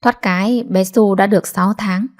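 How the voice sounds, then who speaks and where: A woman narrating a family drama in a steady, measured storytelling voice. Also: mid-range voice.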